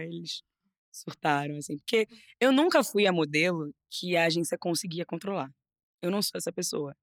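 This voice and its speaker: A young adult woman from Rio de Janeiro with a Carioca accent, chatting lively as a guest, laughing often and restarting her phrases. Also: on the low side, no echo, clean studio sound. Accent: Carioca Brazilian Portuguese. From Rio de Janeiro, Brazil. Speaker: guest model. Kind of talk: casual interview chat.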